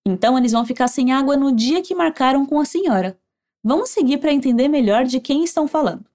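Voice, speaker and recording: A woman with a Brazilian Portuguese accent teaching Spanish, giving clear, encouraging instructions and modeling phrases slowly for the listener to repeat. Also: high-pitched, lively intonation, mellow. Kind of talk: language lesson narration with repeat drills.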